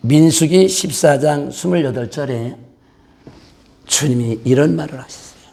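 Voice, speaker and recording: A man's voice: on the high side, moderate pace, gravelly, warm tone. A man preaching a fervent, folksy sermon as pastor of a church, with playful asides to his congregation. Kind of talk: Pentecostal-style sermon. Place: church sanctuary.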